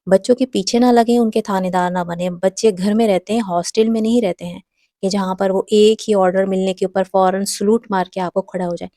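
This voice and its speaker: Warm-voiced woman giving earnest parenting advice. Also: medium pitch, fairly even intonation, dry recording, clean studio sound. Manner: earnest, instructive, addresses viewers directly. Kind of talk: direct advice talk to mothers.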